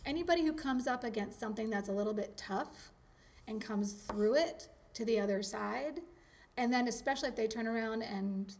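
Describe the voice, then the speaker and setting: Woman, kinda high voice, chatty, rambly storyteller vibe. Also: a little hiss or hum. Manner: chatty and animated, many "like"s and "um"s. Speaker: interviewee, teacher. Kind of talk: casual interview storytelling.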